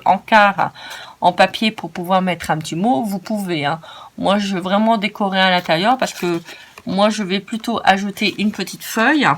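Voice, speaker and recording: A woman's voice: medium pitch, a little hiss or hum. A French-speaking woman hosting a crafting tutorial, chatty and self-mocking as she narrates each step. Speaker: craft video host.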